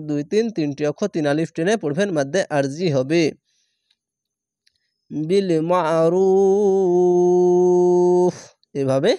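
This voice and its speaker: A man leads a Quran reading lesson, spelling each syllable slowly before joining the words into drawn-out recitation. His voice sits somewhat high but sounds mellow and dark. The recording is dry and close, with no room sound. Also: no echo.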